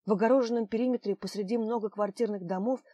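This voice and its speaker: A woman reads a novel aloud with even, measured storytelling at a middle pitch. The recording is dry and close, with no room sound. Plain audiobook narration. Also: no echo. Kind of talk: scripted narration.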